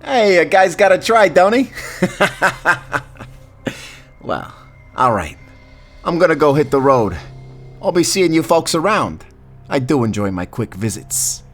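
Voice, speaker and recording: An actor playing a jovial, flirtatious Grim Reaper with a folksy, slangy, teasing manner and morbid humor in a fantasy audio roleplay. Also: male voice, on the high side, sing-song, slow pace, long pauses, fairly bright tone, soft background music, heavily acted. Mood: cheerfully resigned.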